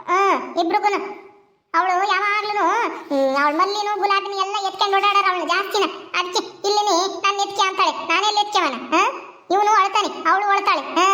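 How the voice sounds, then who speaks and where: A young mother, chatting fast and coaxing her crying babies at home. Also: very high voice, sharp tone, echoey room. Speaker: young mother of infant twins. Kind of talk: casual home vlog talk.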